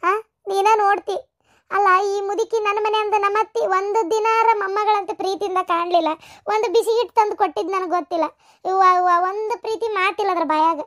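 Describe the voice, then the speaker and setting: A woman's voice: very high-pitched, a bit bright. A woman voicing a grieving, complaining mother with a North Karnataka Kannada accent in a cartoon story. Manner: lamenting, complaining. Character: grieving middle-aged mother, bitter and lamenting.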